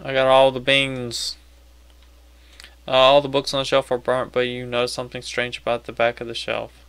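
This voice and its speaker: A man's voice: medium pitch, monotone, normal speed, a bit bright, smooth. A man giving casual video game commentary, talking to himself and reading on-screen text aloud. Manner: self-talking, casually reacting. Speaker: gamer playing on commentary.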